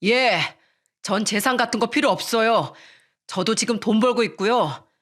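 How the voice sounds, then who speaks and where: A woman's voice: a little high, moderate pace, a bit bright. A woman doing an earnest eldest son. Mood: pleading. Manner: earnest, pleading reproach. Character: eldest son pleading for his mother.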